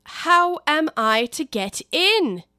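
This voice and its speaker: A woman doing a polite, higher young girl. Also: big pitch swings, unhurried, no echo, studio quality, full character voice. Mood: polite earnest. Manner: bright, polite, eager girlish tone. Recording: noisy with clicks.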